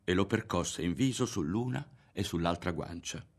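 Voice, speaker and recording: Deep-voiced man reading a novel. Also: animated, slightly rough. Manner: measured, dramatic reading. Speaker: audiobook reader. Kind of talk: literary narration.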